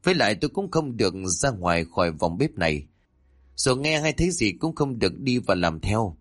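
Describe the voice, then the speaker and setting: A man voicing a calm, determined young male exorcist in a spoken ghost story, giving earnest instructions. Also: on the low side, fairly quick, no room sound, studio quality.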